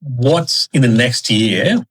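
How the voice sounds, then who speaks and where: A man's voice: mid-range voice, animated, slow, a bit bright, slightly rough. A man interviewing a guest in an informal, encouraging, conversational way. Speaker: interviewer, host.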